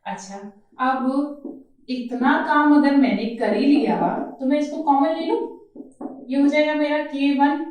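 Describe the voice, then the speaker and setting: A woman's voice: high-pitched, measured pace, darkish tone. A woman teaching a chemistry lecture. She talks in a coaxing way, keeps checking that her students follow, and addresses them affectionately. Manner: coaxing, checks understanding, calls students "beta". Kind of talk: classroom lecture. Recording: very echoey room, mic far off.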